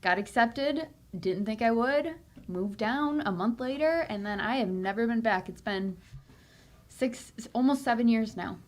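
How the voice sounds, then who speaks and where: A woman's voice: fairly high pitch, a little mellow. Wry, chatty woman in her twenties. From Buffalo, New York, USA. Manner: chatty, wry and quick with jokes. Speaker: guest. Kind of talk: casual chat.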